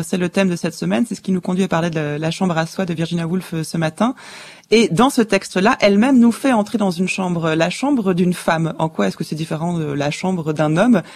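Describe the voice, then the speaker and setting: A woman hosting a radio interview, asking measured, articulate questions. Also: fairly low pitch, darkish tone. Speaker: radio host. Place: radio studio.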